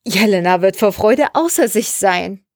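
A woman reading the part of an eager young male cosmonaut whose voice leaps up when excited. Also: mid-range voice, unhurried, dry recording, studio quality.

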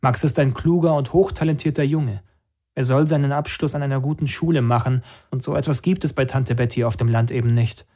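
A man reading an audiobook, voicing a stern, decisive middle-aged father in a firm, measured way. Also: mid-range voice, warm tone, lightly acted.

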